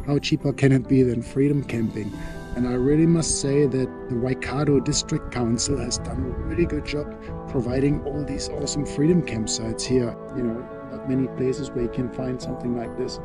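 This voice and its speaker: A man's voice: mid-range voice, normal speed, loud music behind the voice. A man in his thirties narrating a casual fishing vlog outdoors by a lake, chatty and a little unsure of himself, recorded on a handheld action camera. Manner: relaxed, chatty, unsure asides. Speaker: fishing vlogger. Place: outdoors by a lake and in a camper van.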